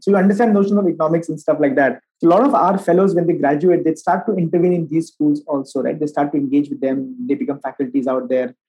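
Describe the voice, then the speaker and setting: A man's voice: a little high, dark tone, husky, poor audio. A man with a North Indian accent giving conversational, explanatory interview answers and often tagging his points with "right?". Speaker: interview guest, social entrepreneur and designer.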